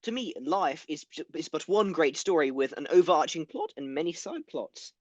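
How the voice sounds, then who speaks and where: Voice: mid-range voice, sing-song, normal speed, no room sound. Blunt player in character, dull lo-fi call audio, dry. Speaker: tabletop player. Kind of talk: in-character tabletop chat. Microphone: online call mic.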